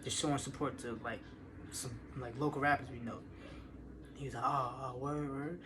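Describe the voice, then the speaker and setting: Speaking at medium pitch and moderate pace, this online storyteller, a young American man, gives an animated, expletive-heavy account of something that happened to him. He acts out the quotes in slangy, casual speech, with clear background noise.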